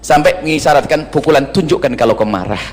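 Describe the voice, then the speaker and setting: A man's voice: fairly high pitch, quick pace. Preaching man in a reverberant hall. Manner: humorous, teasing, lively preaching. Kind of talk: sermon. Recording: long reverb of a large hall.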